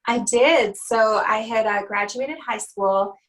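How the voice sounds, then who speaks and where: A woman's voice: a little high, slow pace, fairly bright tone, a little hiss or hum, low-quality recording. Upbeat chatty woman from Canada. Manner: chatty, upbeat, laughs often. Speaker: country singer, interview guest. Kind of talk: casual video-call interview.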